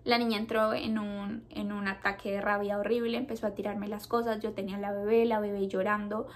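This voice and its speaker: A young Colombian woman telling a personal story to her camera, halting and repeating herself, close to tears. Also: medium pitch, flat delivery. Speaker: vlogger.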